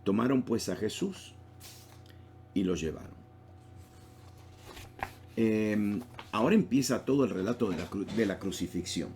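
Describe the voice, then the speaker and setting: Man teaching a Bible lesson, mellow voice. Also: lowish voice, a little slow, long pauses, a little hiss or hum. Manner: informal teaching with many restarts and rhetorical questions.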